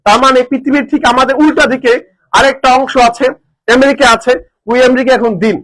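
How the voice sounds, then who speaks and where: A man teaching a live online lesson, energetic, repeating answers and quizzing his students. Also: extremely high pitch, brisk, low-quality recording. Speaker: admission coaching teacher.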